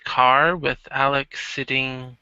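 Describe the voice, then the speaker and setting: Game master, slow and gravelly, bright tone, lo-fi dry sound. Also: male voice, medium pitch, little pitch movement, no echo. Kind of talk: narrating a tabletop game. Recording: dull lo-fi recording.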